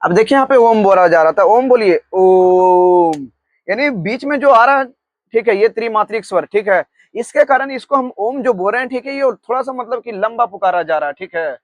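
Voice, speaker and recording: A man from Bihar teaching a grammar lesson. He keeps checking in with "ठीक है" and dictates notes slowly, one word at a time. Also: very high-pitched, lively intonation, fairly bright tone, no echo. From Bihar, India.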